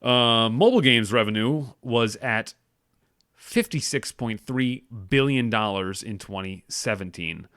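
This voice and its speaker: Podcast host, male, casual news reader with a lively pitch and sarcastic asides. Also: a little slow, clear, resonant tone. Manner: reads figures aloud, then riffs with sarcastic asides; self-deprecating, stumbles and corrects himself.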